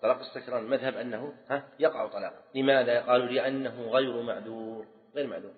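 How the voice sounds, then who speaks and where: A man lectures a class at a brisk clip, doubling back on each key phrase and testing his students with quick questions. His voice carries a long reverb, and it comes through a thin, phone-like recording that cuts away the full range. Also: medium pitch, steady tone. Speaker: teacher of Islamic jurisprudence. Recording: tinny lo-fi recording in a reverberant hall.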